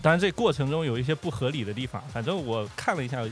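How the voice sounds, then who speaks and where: A man casually retelling a childhood folk tale on a podcast, chatty and animated, with many fillers. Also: mid-range voice, fast talker, faint music behind. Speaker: podcast host. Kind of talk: casual storytelling chat.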